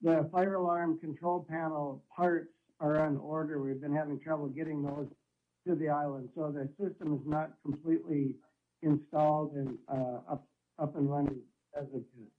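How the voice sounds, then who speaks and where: A man's voice: a little high, steady tone, normal speed. Man on a crackly phone line. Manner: polite, explains with hesitant fillers. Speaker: city staff member answering council questions. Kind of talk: calling in to a council meeting. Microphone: phone call.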